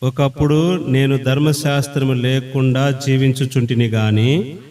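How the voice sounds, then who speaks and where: A man's voice: medium pitch, fairly even intonation, a little mellow. A man preaching a sermon in a church meeting, reading scripture and coaxing the congregation to call out the answers. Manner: sings a hymn slowly before preaching. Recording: voice from far off the mic.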